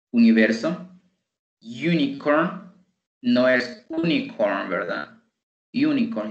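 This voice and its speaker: A man with a Salvadoran Spanish accent teaching an online English class, slowly repeating words for pronunciation practice. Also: medium pitch, a bit bright. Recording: dull, echoey online call audio.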